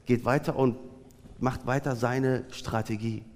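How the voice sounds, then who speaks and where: A man's voice: mid-range voice, unhurried. Man preaching in a reverberant hall. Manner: animated retelling with sudden swings in loudness. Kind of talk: sermon. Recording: long reverb of a large hall.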